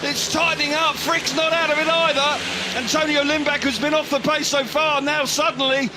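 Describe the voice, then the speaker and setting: A man giving expert live motorsport commentary with an animated, emphatic delivery. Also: very high voice, moderate pace, heavy background noise. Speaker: expert co-commentator, former rider.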